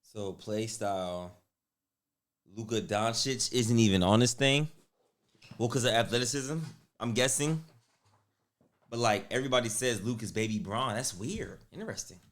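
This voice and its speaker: A male streamer reacting in casual, slangy commentary, often excitable. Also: medium pitch, moderate pace, pauses often.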